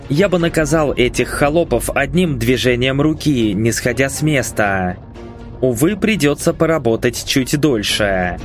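A man narrating a first-person audiobook expressively, acting out the dialogue. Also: medium pitch. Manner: expressive, commanding in the hero's lines.

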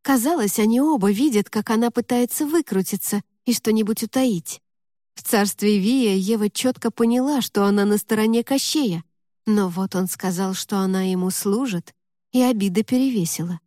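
A woman narrating a fantasy audiobook in a steady, even storytelling manner. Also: medium pitch, moderate pace, dry recording, studio quality.

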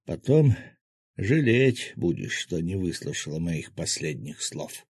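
A man's voice: deep voice, big pitch swings, slow, a little mellow, husky, no room sound, studio quality, exaggerated voice. A man voicing a wounded young gang leader who wheezes weakly yet keeps teasing, in an audiobook.

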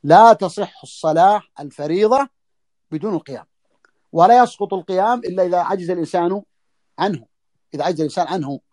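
A man's voice: sits high, darkish tone, dry recording, clean studio sound. A man giving a religious lesson, reading out a classical text and explaining it, often repeating key phrases. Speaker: Islamic scholar teaching a fiqh class. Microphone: audio recording for a live online lesson.

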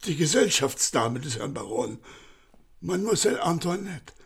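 An actor gives a heavily acted performance as an elderly servant of a baron in a radio drama. Anxious and agitated, the servant stammers and tumbles over his words recounting events. The slightly high voice swings widely in pitch, with vocal fry and huskiness, at normal speed.

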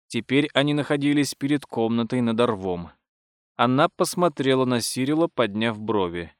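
A man narrating a comic novel in a measured, wry storytelling manner. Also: mid-range voice, expressive, clean tone, no echo, clean studio sound. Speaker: audiobook narrator. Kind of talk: scripted narration.

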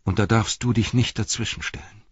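A man's voice: lowish voice, steady tone, fairly quick, slightly rough, no room sound. Man voicing Frodo, anguished young hobbit. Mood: remorseful. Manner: anguished, flaring to shouting. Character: frightened young male hobbit hero, worn down. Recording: dull dry audiobook recording.

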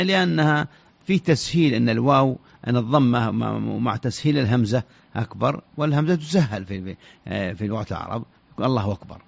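Brief: man, scholar on radio Q&A, fast and halting, gravelly husky voice, lo-fi old radio sound. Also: mid-range voice, no echo. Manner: halting, many restarts and repeated syllables. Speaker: Islamic scholar answering listener questions. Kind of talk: radio religious Q&A answers. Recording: dull lo-fi radio recording.

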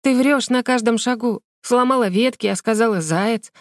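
A woman's voice: on the high side, dry recording, studio quality, pitched above the performer's own voice, close to an everyday voice. A woman voicing a bold young girl who teases and argues with her playmate in a storybook reading. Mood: accusing. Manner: mocking, quick to argue.

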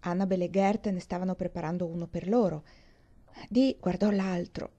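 Mellow-voiced woman reading aloud expressively. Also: on the low side, moderate pace, highs cut off. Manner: expressive, lifts her voice for children's lines and drops it for narration. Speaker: audiobook reader. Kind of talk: audiobook narration with voiced characters.

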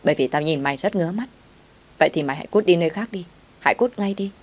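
Bullying female coworker, low-voiced and taunting, read by a woman narrator. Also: fast, close to an everyday voice. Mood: hostile. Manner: taunting, shouting.

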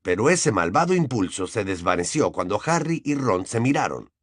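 Expressive male audiobook narrator. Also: lowish voice, normal speed, slightly rough, no room sound, studio quality. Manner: expressive, storytelling. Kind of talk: scripted narration.

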